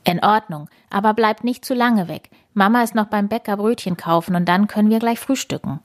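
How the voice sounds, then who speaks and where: A woman voicing a kind, calm father in a children's storybook reading. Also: mid-range voice, fairly quick, natural voice. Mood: caring. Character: kind storybook dad making breakfast.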